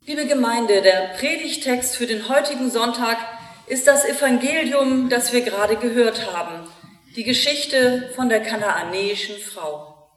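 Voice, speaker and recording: Female pastor, higher voice, measured sermon delivery, distant mic, echoey church. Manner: slow, measured preaching with rhetorical questions.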